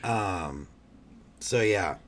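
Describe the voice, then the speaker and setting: A man's voice: deep voice, lively intonation, extremely slow, a bit bright. A man co-hosting a casual podcast chat, hesitant and full of um and like fillers.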